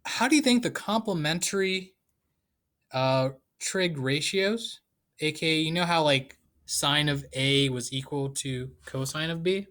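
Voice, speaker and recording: A man's voice: on the high side, measured pace, a bit bright. A man teaching a math lesson in a casual, playful way with joking asides. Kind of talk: casual lecture.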